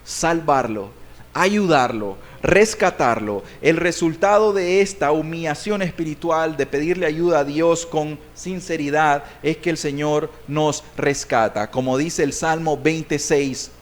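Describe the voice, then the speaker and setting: A man from Nicaragua preaching a sermon as pastor, swinging between loud and soft delivery and drawing out key words slowly for emphasis. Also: on the high side, steady tone.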